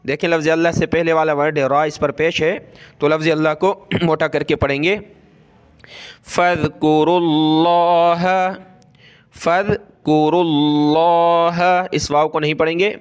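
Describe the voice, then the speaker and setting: A male Quran teacher who recites verses slowly and drawn out, then explains the letters and vowel marks in quick asides. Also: on the high side, steady tone. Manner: slow drawn-out recitation with brisk explanations between.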